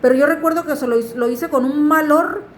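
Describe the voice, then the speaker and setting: A woman tells her religious testimony in an earnest, pleading way. Her voice sits a little high, and the room around her gives it a noticeable echo. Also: brisk, slight background noise. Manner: earnest, pleading with listeners to turn to God. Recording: echoey room.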